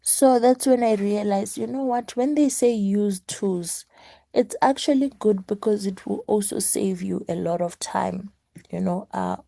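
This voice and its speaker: A woman leads a motivational class in a slow, earnest way and drives her points home by repeating them. Her voice is hoarse, low-toned and gravelly, with a warm, mellow colour. The recording is dry and close, with no room sound. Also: dry recording. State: hoarse morning voice. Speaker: network marketing leader teaching a class. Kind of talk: motivational teaching talk.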